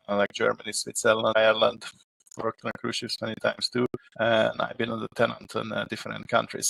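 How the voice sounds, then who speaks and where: A middle-aged man from Hungary with a Hungarian accent, answering interview questions as a property manager, with halting speech and many filler pauses. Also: medium pitch, creaky, a bit bright, husky, no room sound.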